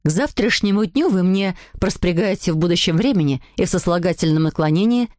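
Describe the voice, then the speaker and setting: A woman's voice: lowish voice, animated, brisk, darkish tone, dry recording, studio quality, pitched below the performer's own voice, lightly acted. A woman reading aloud voices a strict schoolteacher who gives formal orders. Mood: stern. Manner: scolding, formal. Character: strict female schoolteacher, stern and commanding.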